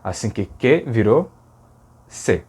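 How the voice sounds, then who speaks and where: Speaking slowly in a lowish, slightly mellow and husky voice with big swings in pitch, a Brazilian linguistics educator gives a casual lesson on speech sounds. He has a Brazilian Portuguese accent and patiently repeats sounds again and again to show them.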